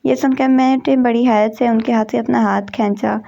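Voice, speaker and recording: A woman telling a first-person story in a steady, even reading voice. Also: fairly high pitch, vocal fry. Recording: dull lo-fi recording.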